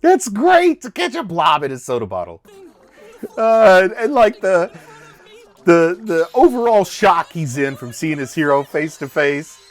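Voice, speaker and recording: A man's voice: high-pitched, sing-song, measured pace. A middle-aged man giving casual, jokey running reaction commentary as host, chuckling and exclaiming as he goes.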